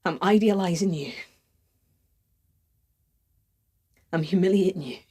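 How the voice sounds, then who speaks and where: A woman with a fairly low, husky, often breathy voice plays a tormented, lovestruck poetic suitor in an impassioned stage monologue. She speaks in short, repeated phrases, and the mood is feverish.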